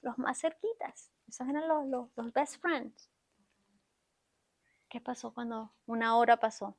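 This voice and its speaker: High-voiced woman preaching a sermon. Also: unhurried, creaky. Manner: keeps asking the congregation questions. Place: church sanctuary.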